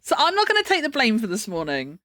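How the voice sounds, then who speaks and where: British female streamer, bright and dry-miked, cute and playful, loose rambling chat delivery. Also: on the high side, huge pitch swings, fast, no room sound. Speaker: livestream host. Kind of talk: casual livestream chat.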